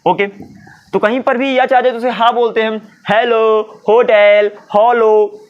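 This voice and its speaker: A man gives a Hindi-English video lesson on English pronunciation, lively as he asks and answers his own questions and voices imagined students. His high-pitched voice is a little slow, with a clean tone but the highs cut off.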